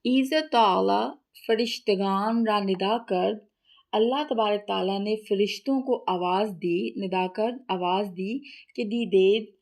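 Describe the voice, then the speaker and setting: Woman teacher, steady line-by-line translation, repeats phrases to explain them. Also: medium pitch. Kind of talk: line-by-line text translation lesson.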